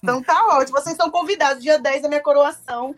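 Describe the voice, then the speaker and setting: Female guest, high voice, chatty and playful, interview banter. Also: very fast, crowd noise. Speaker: celebrity guest. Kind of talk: casual radio interview.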